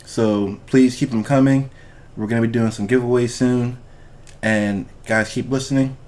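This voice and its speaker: A man's voice: medium pitch, fairly even intonation, normal speed, darkish tone. A man hosting a casual podcast, informal and loose with language, speaking straight to his listeners. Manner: informal, profane, addresses listeners directly. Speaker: podcast host.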